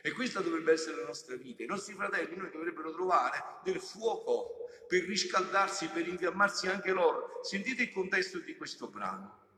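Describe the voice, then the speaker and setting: Male friar delivering a sermon, bright, cutting tone, emphatic, talks straight to the pews, echoey church. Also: a little high, lively intonation, normal speed. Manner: emphatic, swings between loud exhortation and hushed explanation; addresses the congregation directly with questions. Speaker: friar preaching a homily. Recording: echoey church with long reverb.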